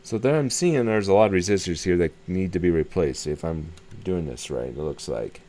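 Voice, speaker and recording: A hobbyist video host with a deep, warm, expressive voice shows how to repair a radio, speaking at normal speed. He works through it casually and tentatively, thinking aloud and repeating himself often, with clear background noise in the recording.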